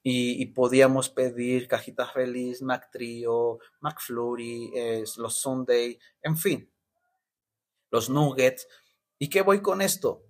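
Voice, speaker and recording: A man's voice: mid-range voice, takes it slowly. A Mexican man preaching, telling a story and acting out the people in it, with many restarts. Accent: Mexican Spanish. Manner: storytelling with frequent restarts, acting out quoted voices. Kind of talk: storytelling sermon.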